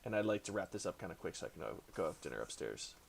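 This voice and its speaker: A man's voice: low voice, big pitch swings, racing, gravelly, a little hiss or hum. A man improvising narration as the game master of a tabletop role-playing game.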